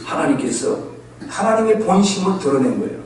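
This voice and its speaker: High-voiced pastor in an echoey hall. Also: male voice, a little fast. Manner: animated storytelling, acting out quoted voices. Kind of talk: sermon. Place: church sanctuary. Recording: echoey church hall from far off.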